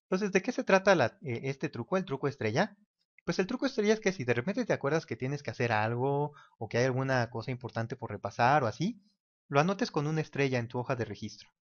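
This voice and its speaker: A man's voice: mid-range voice, lively intonation, fast. Man explaining while drawing, lo-fi. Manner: casual, talks while drawing, mimics ticking clock. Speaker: teacher. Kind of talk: whiteboard explainer lesson. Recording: dull lo-fi recording.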